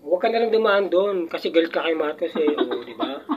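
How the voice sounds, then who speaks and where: An older man with a high-pitched voice talks casually, rambling with frequent restarts and chuckles. The audio is muffled and lo-fi. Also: expressive, a little fast, noisy background. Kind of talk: casual chat.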